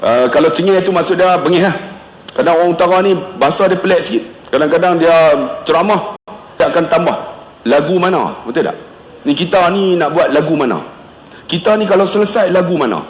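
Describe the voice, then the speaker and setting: A middle-aged man giving a humorous religious lecture, loud and animated, acting out the voices of people in his stories. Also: a little high, slight background noise. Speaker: preacher. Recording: echoey hall, long reverb.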